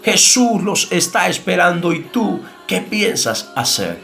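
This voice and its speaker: A man's voice: sits high, big pitch swings, measured pace, creaky, a bit bright, faint music behind. A man preaching a sermon with passion, asking rhetorical questions and crying out repeated calls.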